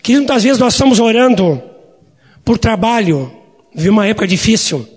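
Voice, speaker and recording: A man's voice: high voice, very animated, a little fast, a little mellow, slightly rough, long reverb tail. A male pastor, preaching a sermon in a folksy storytelling way and often addressing the congregation as dear ones.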